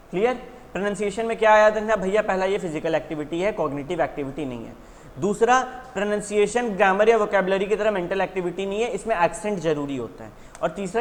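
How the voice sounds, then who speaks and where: High-voiced male teacher in reverb. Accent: Indian English words. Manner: conversational, drills students with questions and answers. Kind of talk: exam revision lecture.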